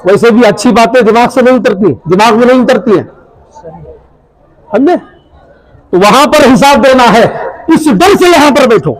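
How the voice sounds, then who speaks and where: A man with a Hyderabadi Urdu accent preaching a fiery religious sermon at a shrine festival, shouting rhetorical questions at his listeners. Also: very high-pitched, expressive, normal speed, long pauses, rough recording. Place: outdoor religious gathering.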